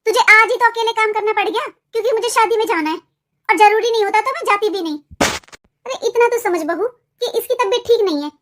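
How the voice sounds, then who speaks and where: A cartoon mother-in-law who lectures the household and hands out advice. She is played in a strikingly high voice, in the manner of animated family tales. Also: brisk. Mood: scolding. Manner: lecturing, advising. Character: mother-in-law, scolding but caring grandmother. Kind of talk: cartoon voice acting.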